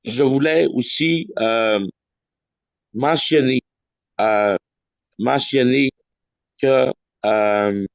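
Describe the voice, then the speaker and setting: A man hosting a weekly video call, halting with many restarts. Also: mid-range voice, dry recording, muffled recording. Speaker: host of a weekly Zoom meeting. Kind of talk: informal presentation on a video call.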